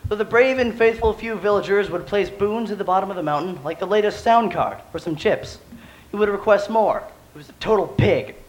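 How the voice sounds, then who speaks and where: Hoarse man telling a mock-epic tale. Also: high voice, a little fast, poor audio. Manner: deadpan, wry, self-mocking. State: hoarse, has lost his voice. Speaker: nerdcore rapper performing live. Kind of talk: mock-epic storytelling to a live audience. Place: stage at a live show.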